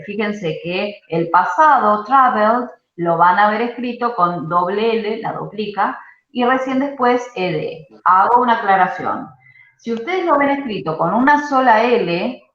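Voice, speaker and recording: A woman's voice: mid-range voice, fairly bright tone. A woman leads an English grammar class over a video call. She explains step by step and keeps asking "¿sí?" to check that her students follow. The sound is dull and echoey. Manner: explanatory, checks understanding with frequent "¿sí?". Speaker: English teacher. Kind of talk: online class lecture. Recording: muffled roomy video-call audio.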